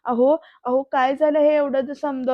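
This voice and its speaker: A woman's voice: sits high, flat delivery, unhurried, no room sound, lo-fi sound. A woman voicing a worried young wife who is tearful, fussing and vowing revenge. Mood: anxious pleading. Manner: pleading, fussing, vows revenge.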